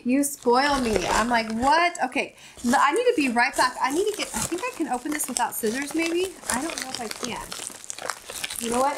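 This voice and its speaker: A woman in her forties with a slightly high voice talks through her fan mail in casual vlog chat. She gushes warmly over every card and rambles, stopping and restarting her sentences often. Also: noisy background. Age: 40s. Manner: effusive and gushing, rambling with many restarts. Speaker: vlogger.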